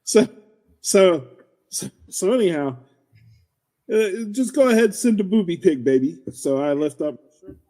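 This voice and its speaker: A mellow-voiced man in his forties rambles through a comic story, circling back with "so anyhow." His call connection keeps cutting out, so his voice drops away, turns faint and distant, then pops back. It sounds like a podcast co-host dialing in on a bad line. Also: high voice, expressive, measured pace. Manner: loops back with repeated "so anyhow". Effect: remote call audio cutting out and dropping away.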